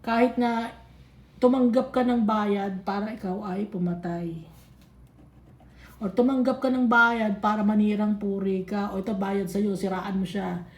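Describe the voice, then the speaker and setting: A woman's voice: mid-range voice, fairly even intonation, measured pace. A woman teaching a casual Bible study in mixed Tagalog and English, chatty and scolding, laughing often. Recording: echoey room.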